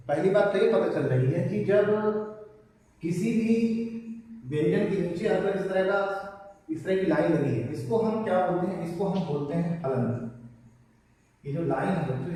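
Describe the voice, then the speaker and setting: A man teaches a Hindi lesson, explaining step by step and posing questions he then answers himself. His voice sits a little high but sounds mellow. He is picked up from a distance in a strongly echoing room with long reverb. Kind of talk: classroom lesson on Hindi script. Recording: echoey room, voice from far off, faint noise.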